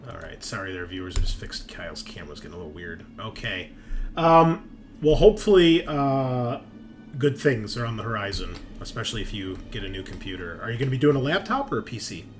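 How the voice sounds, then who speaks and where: Over background music, a man hosts and game-masters a tabletop roleplaying show, opening with casual, chatty banter and some swearing. His voice is fairly low, sing-song, and brisk.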